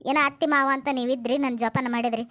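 Actress as a sharp-tongued North Karnataka village woman, high and quick, muffled lo-fi sound. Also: flat delivery. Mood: pleading. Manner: sharp scolding, turns tearful and pleading. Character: quarrelsome village woman of the house. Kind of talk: village comedy drama acting. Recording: dull lo-fi sound.

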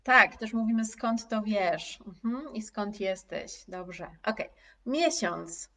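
A woman teacher giving a live online lesson, drawing out every word at a very slow, deliberate pace. She articulates each sound with care and repeats words for her students. Her voice sits a little back from the mic. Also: mid-range voice, lively intonation, a bit bright, far from the mic. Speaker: language teacher. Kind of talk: live online lesson, reading chat comments aloud.

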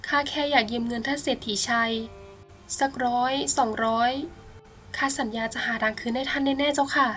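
A poor, desperate mother, as a woman storyteller voices her, begging through tears. Her voice sits high and sounds bright and strained. Every word she speaks is a polite, urgent plea. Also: fairly even intonation, moderate pace, soft background music, lightly acted. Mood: pleading.

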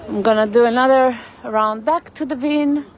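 Walking down a city street with her phone camera in hand, a woman vlogger rambles casually to her live-stream viewers and greets people by name. Her voice is fairly high and her speed is normal, while traffic and street sounds fill the background.

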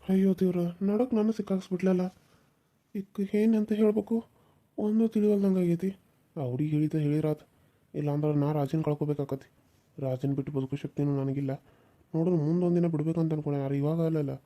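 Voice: medium pitch, fairly even intonation, fast, warm tone, pitched below the performer's own voice, natural voice. A voice actor playing a humble, apologetic male farmhand in a cartoon serial, with a North Karnataka Kannada accent. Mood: anxious. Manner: meek, apologetic.

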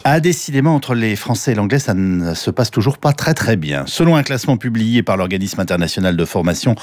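A man hosting a morning radio interview, brisk and probing. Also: fairly low pitch, lively intonation, darkish tone, no echo. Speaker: radio host. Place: radio studio.

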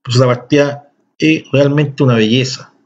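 A man's voice: mid-range voice, fairly even intonation, normal speed. A man teaching a chess lesson, explaining moves with enthusiasm and speaking directly to his viewers. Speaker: chess instructor. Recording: dull lo-fi recording.

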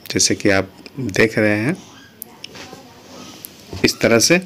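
A man with a low, steady voice teaches a TV repair at his workbench. He explains each step patiently and keeps addressing his viewers as friends. He sounds like a hands-on repair tutor talking beside the set. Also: slow. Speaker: channel host, TV repair tutor.

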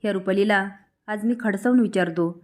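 A woman's voice: mid-range voice, a little fast, darkish tone, lightly acted. Brief: stern, fretful old patriarch, read by a woman narrator. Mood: worried.

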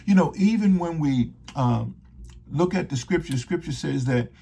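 A middle-aged man preaches in a gravelly, husky voice. He teaches a Bible study at a measured pace and drops to a slower, deliberate delivery whenever he reads scripture aloud. He keeps adding short "praise God" interjections between his points. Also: fairly high pitch, lively intonation, warm tone. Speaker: pastor.

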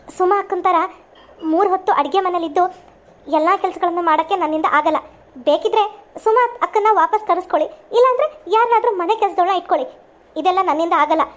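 A woman voicing an indignant young wife in a family cartoon who complains about doing all the housework. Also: very high-pitched. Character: sharp-tongued young wife, defiant. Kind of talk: cartoon voice acting.

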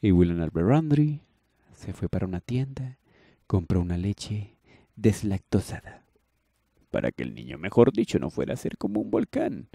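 A man's voice: low-pitched, big pitch swings, moderate pace, vocal fry, mellow, husky, no echo, clean studio sound. A man casually improvising a fan-fiction story, rambling and playful with exaggerated praise and repeated filler phrases.

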